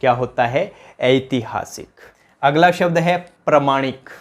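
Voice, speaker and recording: Speaking with a Rajasthani accent, a man leads an exam-prep grammar lesson at a measured pace in a mid-pitched voice. He repeats each question over and over to drill the answers and calls his students companions.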